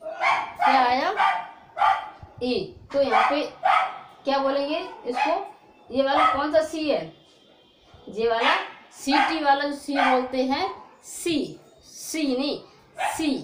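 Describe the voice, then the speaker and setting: A woman with a high voice teaches a pronunciation lesson. She keeps posing questions and answering them herself, checking that the class follows. Her voice rings in a roomy, echoey space. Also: takes it slowly, long pauses, heavy background noise. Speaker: English teacher. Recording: echoey room.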